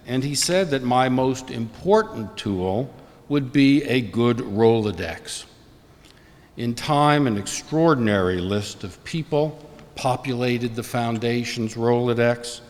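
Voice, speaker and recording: An older man reads a formal memorial tribute in a large, echoing hall. His delivery is slow and deliberate, at a medium pitch for a man. Each measured phrase trails into long reverb. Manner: measured, formal, deliberate reading of written remarks. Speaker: eulogist, former colleague and professor. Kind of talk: prepared memorial eulogy.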